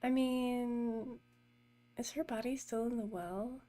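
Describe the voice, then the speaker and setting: A woman streaming a murder mystery game, chatting casually, reading diary notes aloud and greeting new subscribers with excitement. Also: a little high, takes it slowly.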